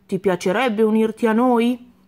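A woman voicing a cheerful, friendly young male patchwork elephant in a storybook reading, with a bright, upbeat manner. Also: on the high side, moderate pace, natural voice.

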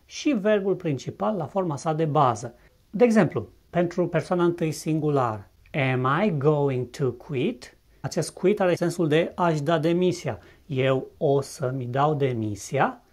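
Man slowly teaching English examples. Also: a little high. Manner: explains patiently, saying English examples slowly and clearly. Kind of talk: recorded video lesson narration.

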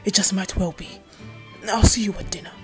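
A woman's voice: medium pitch, fairly even intonation, a little fast, soft background music, natural voice. A woman playing a genial, commanding lord of the manor in a 1930s radio drama. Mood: confiding.

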